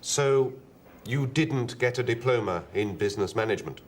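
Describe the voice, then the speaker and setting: A man's voice: medium pitch, moderate pace, a little hiss or hum, lightly acted. An actor playing a male job interviewer, questioning an applicant with mild disbelief in a scripted comic dialogue. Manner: questioning, mildly incredulous.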